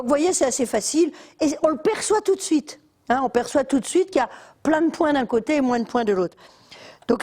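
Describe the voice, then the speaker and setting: An older woman lectures a room full of listeners. Her voice sits fairly high yet stays mellow and soft-edged. She talks in a lively, chatty way, full of asides and hesitations. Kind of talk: live lecture to an audience. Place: lecture hall.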